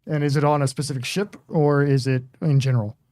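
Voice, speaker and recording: A man co-hosting a game livestream, talking casually in halting bursts with many pauses and restarts. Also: medium pitch, steady tone, dark tone, no room sound. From United States. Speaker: stream co-host. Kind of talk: casual chat while gaming.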